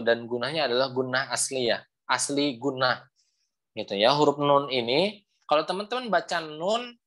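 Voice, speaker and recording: A young man teaching Quran recitation in an online class, patiently repeating points and sounding out letters slowly over a video call. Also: fairly high pitch, a bit bright.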